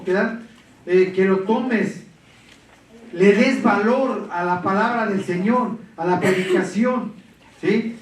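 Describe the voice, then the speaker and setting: High-voiced preacher in an echoey church. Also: male voice, recorded from a distance. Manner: repeats "¿verdad?" often, pleading and exhorting. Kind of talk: sermon. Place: church hall.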